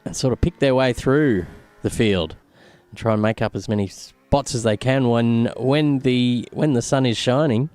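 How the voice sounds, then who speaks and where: A man's voice: medium pitch, moderate pace, a little mellow, faint music behind. A man hosting live race commentary in a conversational, colloquial manner. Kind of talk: live sim racing commentary.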